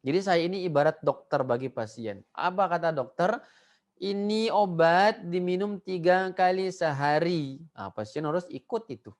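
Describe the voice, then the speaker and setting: A man's voice: high voice, normal speed. A male Arabic teacher giving a beginner language lesson, patiently repeating each word so learners can echo it.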